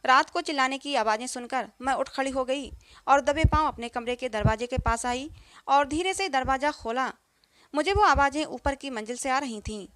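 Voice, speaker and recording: A woman narrating a first-person story as a storyteller, in a steady, emotional reading. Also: sits high, moderate pace.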